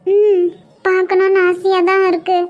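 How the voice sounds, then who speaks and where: A woman voices a heartbroken young mother rejected by her daughter in a cartoon web series, crying, despairing and pleading in a Kanyakumari Tamil accent. Her voice is very high, monotone and darkish, at a normal speed. Soft music plays in the background, and the mood is tearful and despairing.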